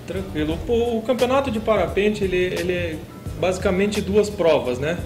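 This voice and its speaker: A young Brazilian man with a high voice speaks casually about competing, tagging sentences with "né". His voice rings in an echoey room with faint music under it. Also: moderate pace. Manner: relaxed, explains with many "né" tags. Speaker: paragliding competitor. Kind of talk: interview answers. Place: indoor shop room with shelves.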